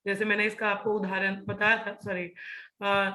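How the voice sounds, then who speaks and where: A woman gives a class lecture, her voice bright and forward. She explains step by step, checking in with her students as she goes, and her voice rings in an echoey room. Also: mid-range voice, level tone, normal speed. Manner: explanatory, many "ठीक है" check-ins. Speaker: teacher of a scripture class. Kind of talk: class lecture mixing Hindi and English.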